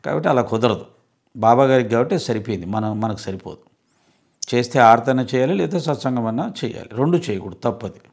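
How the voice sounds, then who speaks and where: A man's voice: mid-range voice, animated, fast, creaky, a little mellow. A man giving a devotional scripture discourse as a satsang speaker, earnest and explanatory, often asking rhetorical questions.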